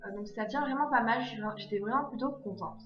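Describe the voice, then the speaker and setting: A woman's voice: on the high side, fast talker, fairly bright tone, muffled recording. Hesitant woman narrating a craft tutorial. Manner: hesitant, full of fillers and self-corrections. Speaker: DIY craft vlogger. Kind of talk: DIY tutorial voice-over. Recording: echoey room with background music. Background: guitar music.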